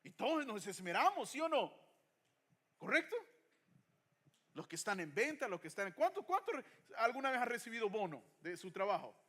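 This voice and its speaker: High-voiced preaching pastor. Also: male voice, very animated, a little fast, long pauses, sharp tone. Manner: preaching with rhetorical questions, mixing in English phrases. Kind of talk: sermon.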